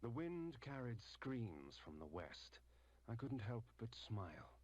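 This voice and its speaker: An actor playing a brooding male vampire antihero, narrating a game cutscene in a dark, sardonic way. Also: mid-range voice, sing-song, takes it slowly, highs cut off.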